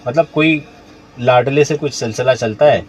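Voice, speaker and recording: A man's voice: medium pitch, slight background noise. A man hosting a radio talk show, asking questions conversationally and affirming his guest often. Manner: conversational, asks questions with many affirming interjections.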